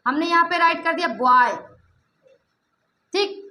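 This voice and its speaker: A woman teacher with a very high, bright, pushed voice takes her time through a classroom lesson. She keeps quizzing the pupils, repeats their answers back to them, and tosses in playful asides in this call-and-response session.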